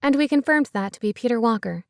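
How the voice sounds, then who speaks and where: A woman reading aloud voices an incredulous woman lawyer asking sharp questions. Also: a little high, animated, fast talker, gravelly, no room sound, clean studio sound, voice pushed up.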